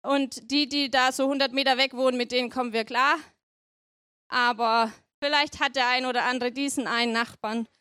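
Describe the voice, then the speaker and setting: A woman's voice: sits high, fairly even intonation, normal speed, sharp tone, clear, resonant tone, no echo, clean studio sound. A woman preaching playfully in church, chatting with the congregation and asking them questions. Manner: playful, chatty, asks the audience often. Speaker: preacher at a family service. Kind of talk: lively sermon with questions to the congregation.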